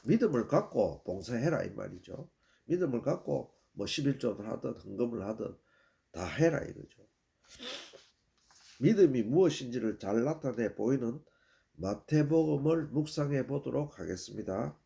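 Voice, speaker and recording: Older male preacher, gravelly, plain story-driven sermon. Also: mid-range voice, lively intonation, normal speed, warm tone. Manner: plain storytelling with repeated "예" and restarts.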